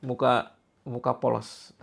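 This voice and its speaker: Joking and teasing his audience freely, a preacher in his sixties leads a healing session at a live gathering. His medium-pitched voice has a level tone and vocal fry, and he takes his time speaking.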